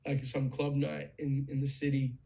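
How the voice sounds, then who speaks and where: A young man telling a story in a casual chat, excited, swearing freely and full of fillers. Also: mid-range voice, moderate pace, gravelly. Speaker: guest musician.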